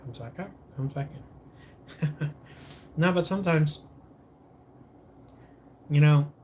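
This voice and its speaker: A man's voice: on the high side, a little hiss or hum. A man hosting a casual morning livestream, sipping coffee, greeting viewers and rambling, often losing his train of thought and restarting. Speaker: livestream host.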